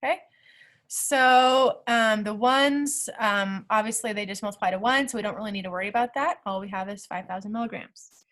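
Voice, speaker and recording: A woman's voice: medium pitch, moderate pace, fairly bright tone. A woman teacher talking through math problem steps aloud in a recorded lesson, checking in with the class as she goes.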